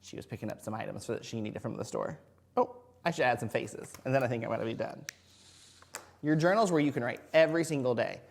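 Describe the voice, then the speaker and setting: Male first grade teacher, mid-pitched, addressing small children in simple, encouraging language with lots of questions and carefully separated words. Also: creaky. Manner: encouraging, singles out and spells words slowly. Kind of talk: children's video lesson.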